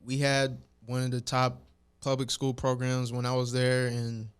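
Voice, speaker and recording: A man's voice: mid-range voice, completely flat delivery, unhurried, smooth. A man, speaking in a casual podcast chat and often chiming in with short agreement.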